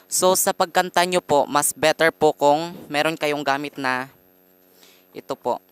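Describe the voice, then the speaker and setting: A man with a Filipino accent, giving a casual how-to vlog with lots of pauses and fillers, talking into a condenser microphone. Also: fairly high pitch, a bit bright, smooth, no room sound. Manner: hesitant, fillers and frequent pauses; addresses viewers politely as guys. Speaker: vlogger. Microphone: condenser mic through a sound card.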